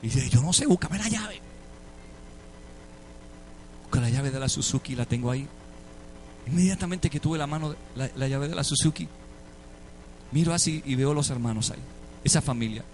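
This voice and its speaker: A man's voice: medium pitch, brisk, long pauses, darkish tone, a little hiss or hum. A Puerto Rican man preaching a sermon, telling a story and acting out the dialogue with dramatic shifts between voices. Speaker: pastor. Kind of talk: sermon testimony.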